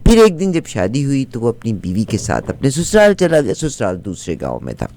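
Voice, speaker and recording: A man's voice: mid-range voice, fairly quick, a little hiss or hum. A man with a Punjabi accent playing a chatty middle-aged woman who tells a comic folk tale and chants its funny lines over and over. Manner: lively, animated narration with repeated chants. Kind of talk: comic storytelling.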